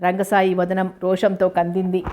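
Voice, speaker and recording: Woman reading a story in a flat voice. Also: lowish voice, moderate pace, slight background noise. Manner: steady, even reading. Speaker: narrator. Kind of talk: storytelling narration.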